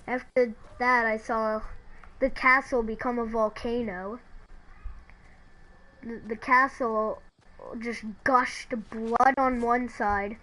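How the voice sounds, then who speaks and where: A woman telling a creepy story in a halting, hesitant way, often restarting her sentences. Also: on the high side, steady tone, bright, forceful tone, poor audio. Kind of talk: creepypasta narration.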